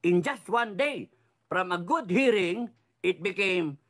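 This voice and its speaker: A man's voice: high voice, animated, slow, fairly bright tone. A middle-aged man delivering a heated, sarcastic political rant, swearing often and slipping English phrases into his talk. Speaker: political commentator.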